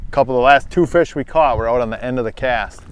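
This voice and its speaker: A man's voice: medium pitch, fast, a little hiss or hum. A man who is a guest on a fishing show, explaining rod choice in a matter-of-fact way from a boat on a lake. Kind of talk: casual explanatory chat.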